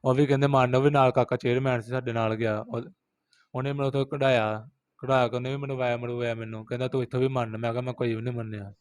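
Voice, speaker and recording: A man's voice: medium pitch, flat delivery, fast talker, clean tone, no room sound. A man with a Pakistani Punjabi accent, a rickshaw driver interviewed in the street, recounting events and quoting others over and over.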